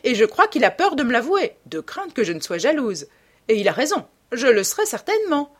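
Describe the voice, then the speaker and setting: A woman's voice: medium pitch, sing-song, normal speed, breathy edge. A woman voicing an elderly aristocratic hostess who is gossipy and teasing, reading an audiobook with exclamatory emphasis.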